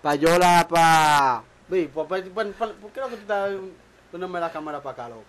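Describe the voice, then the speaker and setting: A man's voice: sits high, expressive, quick pace, low-quality recording. A man who is a music producer, chatting casually and jokingly in a small recording studio, picked up by a camera mic. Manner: boastful, joking, slangy.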